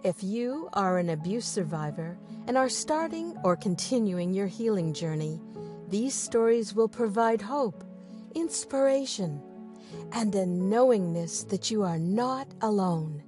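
A woman reading a scripted series introduction in a slow, deliberate, gently expressive way. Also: medium pitch. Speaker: series announcer. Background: soft music.

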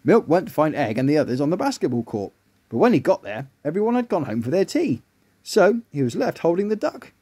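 A man reading a children's story aloud in a lively, animated way. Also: on the high side, fairly quick, husky.

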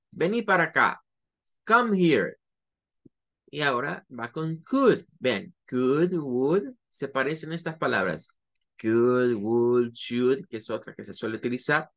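A man teaching English phrases in a classroom lecture, explaining step by step and repeating examples slowly. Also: medium pitch. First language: Spanish.

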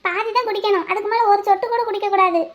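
A woman's voice: very high voice, steady tone, fast. A woman voicing a bossy little village girl in a cartoon. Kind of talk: Tamil cartoon dubbing.

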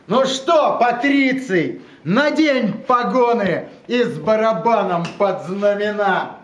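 A man in his thirties declaims poetry dramatically, with an emphatic, drawn-out, rhythmic delivery, recorded in a room. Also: high voice, lively intonation, crowd noise. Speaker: poet reading own verse. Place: gallery room with seated guests at tables. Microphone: handheld camera nearby. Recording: muffled, noisy, echoey room recording.

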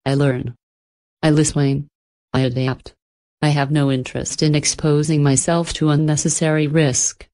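A woman voicing an ancient, cultured and menacing entity in a storybook reading, speaking in an even, measured, softly spoken way. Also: low voice. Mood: menacing, amused.

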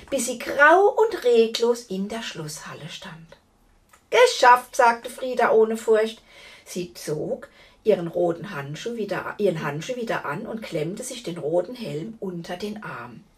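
Slow, lively woman reading a fairy tale. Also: mid-range voice, recorded from a distance. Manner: expressive, addresses the listeners directly. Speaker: storyteller.

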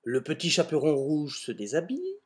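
The recording is very noisy as a man with a slightly high voice and huge pitch swings tells a comic fairy tale at a moderate pace. An amateur video maker, he films on a webcam at home in front of a door and makes mock-exasperated asides.

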